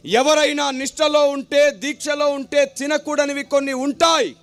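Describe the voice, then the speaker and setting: A man voicing a stern, easily angered old village man who snaps out short, scolding questions. He speaks high and pointed, as a figure in a sermon's story. Stage it as a retold encounter, as the preacher puts him on. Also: fairly even intonation, normal speed, fairly bright tone, soft background music.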